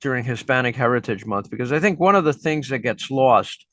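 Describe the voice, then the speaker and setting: Here a middle-aged teacher runs an interview in a medium-pitched, slightly bright voice, animated and a touch fast. He muses chattily with lots of filler words, and the recording is dry.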